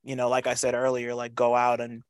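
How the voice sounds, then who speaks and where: A man's voice: medium pitch, completely flat delivery, clean tone, dry recording, studio quality. A man talking casually in an interview, repeating words as he feels his way along, with loose slang and swearing. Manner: halting, repeats words, frequent "you know". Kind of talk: casual conversational interview talk.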